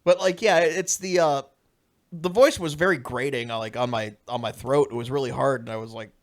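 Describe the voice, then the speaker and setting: A man who co-created a comedy series chats casually on its commentary track, rambling, laughing and poking fun at himself. His voice is medium-pitched and a little fast.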